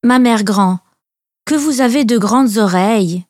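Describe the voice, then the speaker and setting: A woman's voice: a little high, a little slow, a little mellow, no echo, studio quality, close to an everyday voice. A woman voicing an innocent, trusting little girl in a storybook reading, polite and naive. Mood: wondering.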